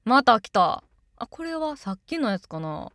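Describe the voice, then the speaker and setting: A woman's voice: a little high, very animated, normal speed, a bit bright, dry recording, clean studio sound. A woman doing casual let's-play commentary and reading along with the game. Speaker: game streamer.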